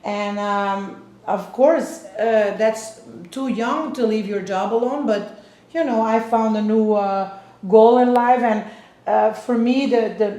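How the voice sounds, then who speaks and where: A woman's voice: a little high, mellow. A woman in her fifties from Belgium, a real estate agent interviewing clients in a casual chat, explaining at length with many restarts. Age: 50s. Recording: echoey room.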